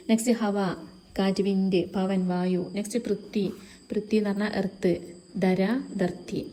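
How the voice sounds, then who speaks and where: Mellow-voiced woman teaching a textbook lesson. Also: mid-range voice, a little hiss or hum. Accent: Kerala. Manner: reads Hindi words, then explains them in Malayalam.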